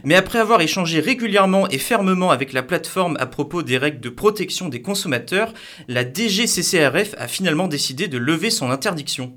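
A young man reading scripted news items in a measured, formal way. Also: fairly high pitch, animated, sharp tone. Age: young adult. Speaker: news presenter.

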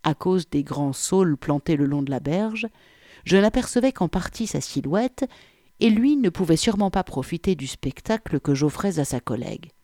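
A woman's voice: lowish voice, lively intonation, moderate pace, dark tone, dry recording. A woman reading a first-person story as an audiobook narrator, with wry, vivid storytelling on a close microphone.

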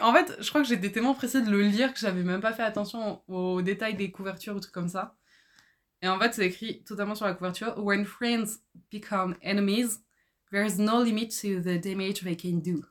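A woman's voice: mid-range voice, fairly bright tone. A young woman co-hosting a casual podcast, talking enthusiastically with lots of fillers. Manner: enthusiastic, gushing, many fillers. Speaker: podcast co-host. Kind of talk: casual chat about books.

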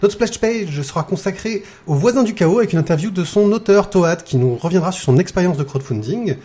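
A man hosts a laid-back comics podcast from behind the mic. His voice sits a bit high and moves around with lively pitch. He trips over fillers and throws in jokes as he goes. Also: fairly quick. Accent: non-native accent, mocked by cohosts. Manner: hesitant, many fillers, joking. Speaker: podcast host. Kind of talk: casual podcast chat.

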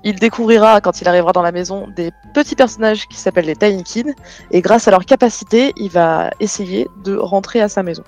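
A woman's voice: medium pitch, a little fast, darkish tone, soft background music. A woman, a guest game developer, speaking casually and modestly, often laughing and hesitating. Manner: modest, laughs easily, filler-heavy. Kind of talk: casual conversation.

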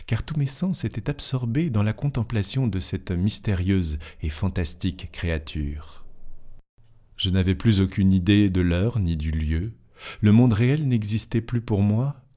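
A man reading a classic fantastic tale aloud in a measured, expressive way, lingering over descriptions. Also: sits low. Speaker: narrator.

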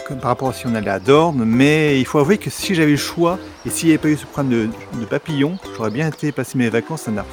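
A man's voice: medium pitch, lively intonation, fast talker, few pauses, over music. A man co-hosting a podcast in casual chat, explaining things in a chatty way with fillers. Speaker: podcast co-host.

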